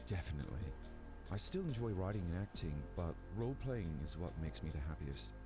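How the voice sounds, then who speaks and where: A very deep, low-voiced young writer who talks in a quiet, understated way over steady game music. His delivery stays modest and low-key. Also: brisk.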